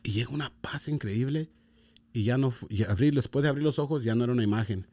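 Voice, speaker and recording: A man's voice: mid-range voice, fast talker, mellow. A man telling a personal conversion story in casual chat, mixing with English slang. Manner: mixes Spanish and English slang, emotional storytelling.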